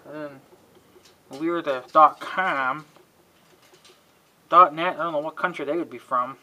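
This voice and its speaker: Slow, bright and forceful, the man's voice sits on the high side as he casually rambles through assembling an antenna on video. He mutters to himself in a folksy way, clears his throat frequently and swears mildly when exasperated. Clicks and noise are obvious in the homemade recording.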